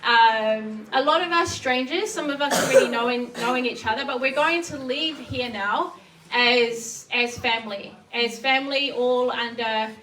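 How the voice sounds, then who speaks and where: A woman with a New Zealand accent gives an informal sermon, sounding nervous and hesitant, with halting false starts. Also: a little high, fairly bright tone. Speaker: preacher. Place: echoey indoor room before a gathering. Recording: distant microphone, echoey room, faint noise.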